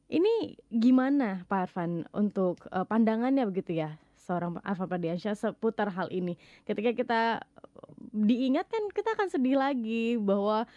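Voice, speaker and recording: A woman's voice: mid-range voice, expressive, normal speed, dark tone, dry recording. Polite woman interviewer, dull dry sound. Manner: polite, formal, keeps addressing the guest by title. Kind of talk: interview questions.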